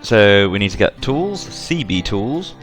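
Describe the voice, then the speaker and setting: Guy doing a lets play, wry little asides, kinda low voice but goes up and down a lot. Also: sing-song, unhurried, a bit bright, faint music behind. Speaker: let's play host. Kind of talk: casual game commentary.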